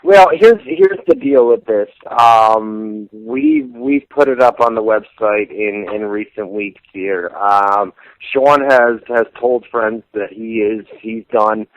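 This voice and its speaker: A man's voice: lowish voice, lively intonation, slow pace, no echo, highs cut off. A man hosting a casual wrestling talk radio show, chatty and loose, swearing offhandedly.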